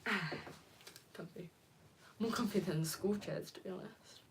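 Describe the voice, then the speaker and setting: Soft-spoken young woman chatting on a livestream. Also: medium pitch, moderate pace, noisy background. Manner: soft, hesitant, many fillers, giggly. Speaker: livestreamer reading viewer comments. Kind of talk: casual live-stream chat.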